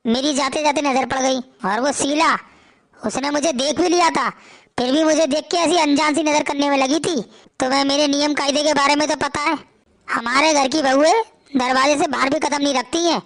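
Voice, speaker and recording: A woman's voice: high-pitched, steady tone, normal speed, gravelly. A woman voicing a strict, tradition-bound older father-in-law who lectures in a domineering way in a cartoon story. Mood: stern lecture.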